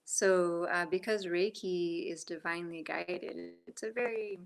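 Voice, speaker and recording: A woman Reiki practitioner talking casually on a phone video call from home, soft-spoken with lots of fillers, sometimes dropping to a whisper. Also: fairly low pitch, fairly even intonation, a little slow, gravelly, clear, resonant tone.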